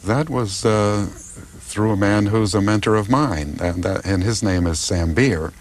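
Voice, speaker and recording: This very deep-voiced older man, an American political philosopher and translator, gives interview answers a little slowly. His delivery is contemplative and hesitant, crowded with fillers and restarts.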